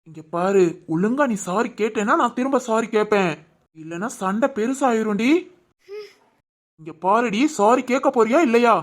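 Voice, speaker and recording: A performer voicing a young husband in an animated family story, scolding insistently in southern Tamil Nadu village speech. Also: medium pitch, lightly acted. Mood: indignant. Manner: scolding, insistent, drawn-out questioning. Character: young husband, teasing then stubborn, hot-tempered. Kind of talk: animated family drama dialogue.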